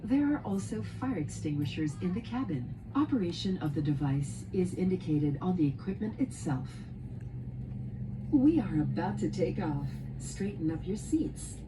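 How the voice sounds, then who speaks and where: A woman speaks as a flight attendant, giving scripted safety instructions in a formal manner. Her voice sits on the low side for a woman. It comes over a cabin PA with plenty of aircraft noise around it. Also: animated, normal speed. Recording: very noisy aircraft cabin PA announcement.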